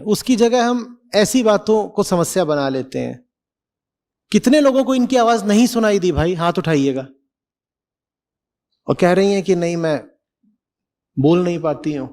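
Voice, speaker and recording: A man's voice: high voice, darkish tone. Blunt, teasing man at a Q&A. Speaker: spiritual teacher answering questions. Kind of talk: live Q&A session. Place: large hall at a festival.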